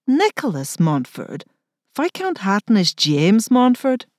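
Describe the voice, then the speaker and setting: A woman narrator voices a defiant young gentlewoman in a heavily acted storybook style, using a thick accent and a sharp, commanding edge. Her pitch swoops wildly across a wide range as she speaks slowly, and the sound is close and dry with no echo or room tone.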